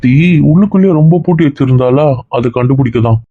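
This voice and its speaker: A man's voice: mid-range voice, expressive, fast, no room sound. A man playing a doting father who laments over his daughter in a family skit. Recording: tinny phone-like dry sound.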